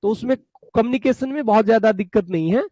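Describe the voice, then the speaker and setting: A man's voice: high-pitched, fast talker, warm tone, dry recording. A man teaching a live online class, explaining law through little acted-out stories and talking to his students in a chatty, fatherly way. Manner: acts out buyer and seller in a story, chatty and fatherly with students.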